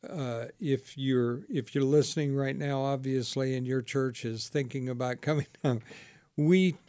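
A man who pastors and hosts a faith talk show speaks in a chatty, storytelling way, laughing often. His pitch sits mid-range, and the sound is dry and close. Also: fairly even intonation, measured pace, dark tone, clean tone, dry recording. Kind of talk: casual ministry interview.

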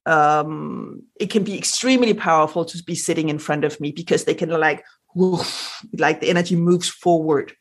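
With a low voice at a moderate pace, this woman from Denmark talks animatedly as a spiritual guest on a podcast. She is a native Danish speaker with a Danish accent, and her podcast interview is full of restarts, fillers and sound effects.

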